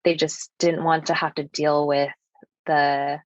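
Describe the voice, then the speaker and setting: In a deep, flat, unhurried voice, a young US woman whose first language is Japanese takes part in a reflective personal conversation as a podcast guest, sounding earnest and thoughtful and using plenty of casual fillers. The recording is dry, with a dull lo-fi character.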